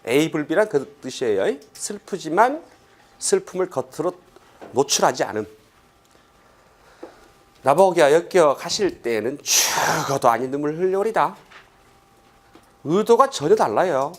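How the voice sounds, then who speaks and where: A middle-aged man from Korea lectures a class in an animated, swooping voice. His pitch sits a little high for a man. He keeps firing rhetorical questions and briefly acts out the lines he quotes. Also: measured pace, long pauses. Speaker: Korean language exam lecturer.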